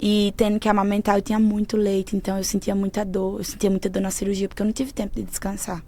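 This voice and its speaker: A woman, a podcast guest who shares a personal faith story in an earnest, emotional way that often goes soft. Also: mid-range voice, little pitch movement, quick pace. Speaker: podcast guest, mentor of women. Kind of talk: personal faith testimony in conversation.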